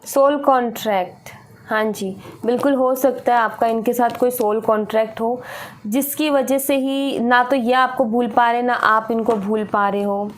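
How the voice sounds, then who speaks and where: A woman's voice: fairly high pitch, steady tone, normal speed. A woman giving a tarot reading, earnest and repetitive, often slipping in "you know". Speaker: tarot reader.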